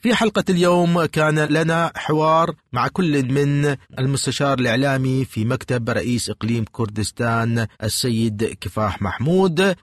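A man hosting a radio talk show, putting questions to guests and wrapping up the episode in a formal, measured broadcast manner. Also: mid-range voice, no echo, studio quality.

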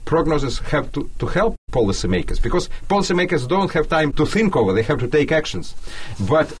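A husky-voiced man with a Russian accent, a native Russian speaker, gives spontaneous political commentary in a studio discussion. His pitch moves in lively swings as he argues emphatically and checks in with the listener. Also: fairly quick. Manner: argumentative, emphatic, with frequent "you see". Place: radio or broadcast studio.

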